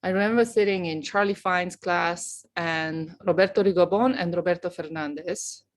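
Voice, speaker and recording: Woman, middle-aged, from Romania, boisterous and outgoing, lowish voice, interview guest. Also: normal speed. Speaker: guest, professor. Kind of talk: casual interview chat.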